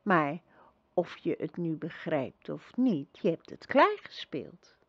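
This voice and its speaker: A woman doing a soft, serene girl empress. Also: low voice, slow, breathy edge, no room sound, lo-fi sound, exaggerated voice. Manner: soft, calm and reassuring. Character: gentle young girl empress, serene and kindly.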